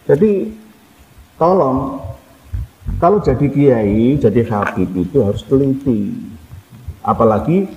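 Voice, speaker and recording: A man's voice: medium pitch, animated, takes it slowly, long pauses, a little mellow. A middle-aged man with a Javanese accent giving a critical religious lecture to camera, repeating his points with rhetorical questions. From Java. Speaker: Islamic preacher. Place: indoor room with wooden doors. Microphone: camera in front, seated. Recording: echoey room, dull sound.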